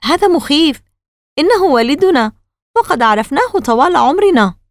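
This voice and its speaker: A woman's voice: high voice, big pitch swings, fairly quick, dry recording, pitched above the performer's own voice. A woman voicing a frightened young boy who asks anxious, pleading questions. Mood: worried.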